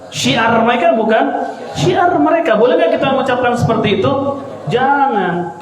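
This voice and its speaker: A man with a high, light voice leads a religious study lesson, firing questions at his listeners and answering them himself. His voice booms around a big hall with a long, ringing reverb. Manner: quizzes the audience with repeated rhetorical questions. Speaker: Islamic teacher.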